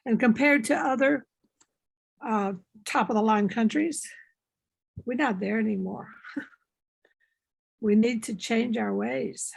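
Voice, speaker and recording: An older woman speaking in a measured, earnest way, with pauses, as a participant in a group discussion on a video call. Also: fairly high pitch, creaky.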